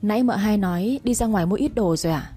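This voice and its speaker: A woman's voice: mid-range voice, quick pace, mellow, husky, faint music behind, lightly acted. A woman voicing a dutiful young male house servant reporting politely.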